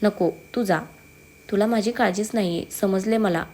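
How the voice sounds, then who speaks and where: A woman's voice: mid-range voice, moderate pace, dark tone, natural voice. A woman voicing a sulking, teasing young husband who speaks affectionately to his wife. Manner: playful, affectionate, calls wife baby.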